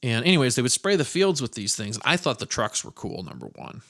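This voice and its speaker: A man's voice: mid-range voice, very animated, fast talker, fairly bright tone. Male podcast host from Iowa; loose, profane, self-mocking storyteller. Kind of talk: casual storytelling monologue.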